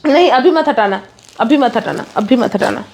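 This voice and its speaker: A woman hosting a live saree sale, urging viewers to book fast in quick, pushy patter mixed with English. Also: fairly high pitch, animated, vocal fry, darkish tone, slight background noise. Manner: rapid, pushy sales patter, mixing English in. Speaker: online saree seller. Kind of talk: live sales stream.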